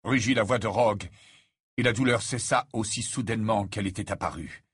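A man reading a fantasy novel aloud in measured, dramatic scripted narration. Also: lowish voice, fairly bright tone, slightly rough, no echo, studio quality. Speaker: audiobook narrator.

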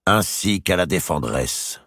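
A man's voice: deep voice, animated, unhurried, a bit bright, no room sound, studio quality, voice pushed up, heavily acted. A man voicing a grave, ceremonious king. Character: grave, formal king presiding over court. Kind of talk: audiobook character voice.

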